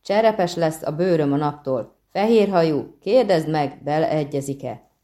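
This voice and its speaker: A woman voicing a haughty, petulant female siren in an audiobook, shrill and demanding. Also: warm tone, lightly acted. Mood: indignant. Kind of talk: audiobook reading.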